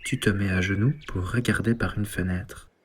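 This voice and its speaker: A man leading a guided sleep meditation and bedtime story, speaking softly and calmly. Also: low voice, noisy background. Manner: slow, soft, calm guiding delivery. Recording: soft ambient synth music underneath.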